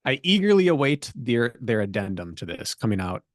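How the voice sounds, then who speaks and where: A man's voice: mid-range voice, sing-song, a little fast, no room sound. A man from the middle of America, co-hosting a podcast in casual chat with dry, teasing jokes. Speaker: podcast co-host.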